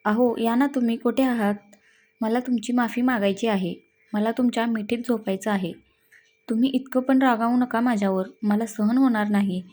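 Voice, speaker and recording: A woman's voice: fairly high pitch, steady tone, moderate pace, a little mellow, natural voice. A woman voicing a tearful young wife who pleads with her husband, in a read-aloud story. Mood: pleading.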